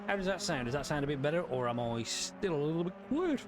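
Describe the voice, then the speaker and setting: A man with a fairly high voice commentates casually on a livestreamed race. He talks in an informal, matey way, like someone chatting with regulars. There is clear engine noise around his mic. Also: very animated, quick pace. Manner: informal, matey, mild swearing. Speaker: sim racing livestream commentator. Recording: noisy mic with engine sounds.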